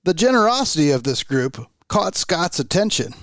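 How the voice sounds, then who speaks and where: A man narrates a farm news feature in a measured, scripted way, his voice a touch higher than most men's. The sound is dry and close, with no room echo. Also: very animated, a bit bright.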